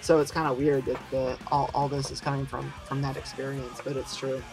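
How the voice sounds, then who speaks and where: A man's voice: medium pitch, flat delivery, a little fast, darkish tone, soft background music, rough recording. A man in his thirties rambling reflectively to a camera in a vlog monologue. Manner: reflective, musing. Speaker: vlogger. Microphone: camera mic.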